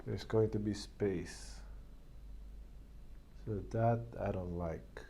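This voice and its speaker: Thinking out loud while he unboxes and sets up a product, this male reviewer takes it slowly in a lowish, steady, creaky voice with a dark tone. Some faint noise hums in the background.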